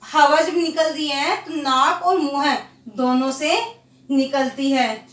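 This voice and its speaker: A woman teacher with a high voice gives a grammar lesson to young pupils. She speaks slowly, drawing out each example word and putting questions she answers herself. She sounds set back from the mic in a room with a clear echo. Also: steady tone, distant mic. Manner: slow, drawn-out repetition of example words. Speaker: school teacher. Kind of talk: Hindi grammar lesson for children.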